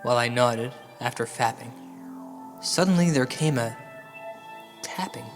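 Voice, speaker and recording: In a mock-gothic style full of dramatic pauses, a man slowly narrates a funny ghost story, reciting some of it in verse. His medium-pitched delivery is hesitant and deadpan, and music with long hall reverb plays behind him.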